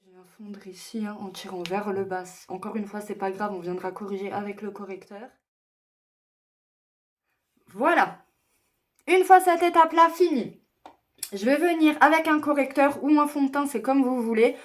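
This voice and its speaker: A woman's voice: fairly high pitch, normal speed, pauses often. Chatty young woman giving a makeup tutorial. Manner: chatty, self-deprecating, walks through each step. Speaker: beauty vlogger.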